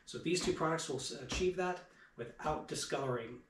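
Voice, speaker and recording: Man, 30s, shop owner doing a relaxed how-to with filler words; distant camera mic, echoey room, faint noise. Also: on the high side, brisk. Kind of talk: casual how-to demonstration. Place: home woodworking shop, indoors. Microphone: far camera.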